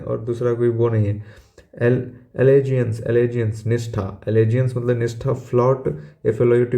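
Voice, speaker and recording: A man's voice: medium pitch, mellow. A man tutoring exam vocabulary in a casual, chatty way, spelling out words letter by letter and repeating their meanings. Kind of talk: casual explaining lesson.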